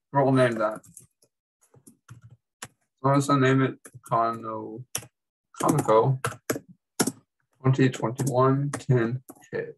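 A man giving a casual, chatty screen-recorded software tutorial as an instructor, with wry asides. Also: mid-range voice, far from the mic, low-quality recording.

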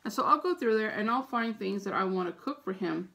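In a small room at home, a middle-aged American vlogger shares household tips, informally restating her points for emphasis. Her mid-range voice is brisk, gravelly and a bit bright with lively intonation, recorded on a phone or tablet camera at arm's length.

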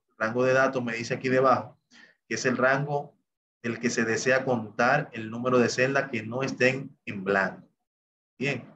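A man of medium pitch teaches a recorded spreadsheet class, walking through every step of what Excel does and dropping "bien" and "entonces" as he goes. The sound is dull, with noise in the background, as he instructs via screen share.

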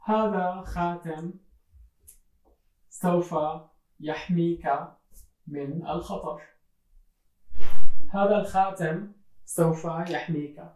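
A storyteller voicing a scheming uncle who coaxes his nephew in slow, repeated commands. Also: medium pitch, steady tone, darkish tone, natural voice. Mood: coaxing. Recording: roomy echo, voice from mic distance.

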